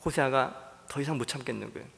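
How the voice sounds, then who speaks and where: A man's voice: mid-range voice, fast talker, creaky, a bit bright. A male pastor giving a Wednesday sermon, telling a story with frequent rhetorical questions to the congregation. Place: church sanctuary. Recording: long church-hall reverb.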